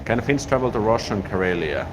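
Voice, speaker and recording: Outdoors near a train station in a city, a Finnish YouTube streamer with a deep voice chats briskly and casually, responding to viewer comments. He's relaxed but rambling, with lots of restarts. The recording comes from a smartphone on a gimbal, with street noise clearly audible.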